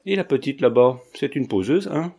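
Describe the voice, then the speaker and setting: Blunt old landlady, talkative, familiar, insistent, lively pitch, read by a man, audiobook. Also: normal speed, slightly rough. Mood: chatty.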